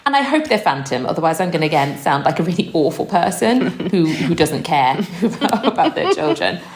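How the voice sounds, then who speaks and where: A woman's voice: lowish voice, sing-song, brisk, a crowd in the background. A woman, hosting a comedic parenting podcast, chatty and self-mocking, often laughing. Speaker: podcast host. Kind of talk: casual comedic chat. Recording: echoey room.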